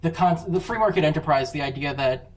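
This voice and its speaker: A convention panel presenter giving a casual, chatty talk on film, full of fillers and quick laughs. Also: medium pitch. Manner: enthusiastic, chatty, laughs often, many fillers. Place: university convention room. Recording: echoey room, far mic, faint hum.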